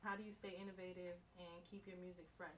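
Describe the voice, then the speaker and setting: A woman interviewing a guest with brief, direct questions and quick acknowledgements. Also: fairly low pitch, little pitch movement, fairly bright tone.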